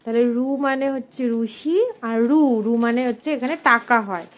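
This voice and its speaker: A woman gives a relaxed home lesson in a fairly high voice. She speaks patiently, says each letter more than once and draws the sounds out slowly. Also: slight background noise. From India. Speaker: teacher of a language lesson. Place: home, with her small son nearby.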